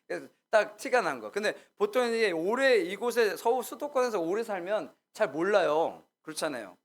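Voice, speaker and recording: A man's voice: sits high, very animated, moderate pace. A male pastor giving a conversational sermon, telling stories casually, quizzing the congregation and acting out quotes. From Gyeongsang region. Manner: casual storytelling, asks the congregation questions and acts out quotes.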